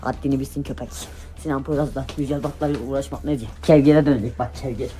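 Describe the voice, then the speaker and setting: A man's voice: mid-range voice, fairly even intonation, fast talker, warm tone. A man hosting a prank video, boastfully talking through his scheme to the camera. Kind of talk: casual vlog narration. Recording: music underneath.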